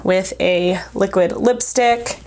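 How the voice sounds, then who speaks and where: Applying makeup on camera, this woman reviews products in a slow, slightly mellow mid-range voice. Her chat is casual and blunt with joking asides, but her allergies make her sound stuffed up and breathless, almost to the point of hyperventilating.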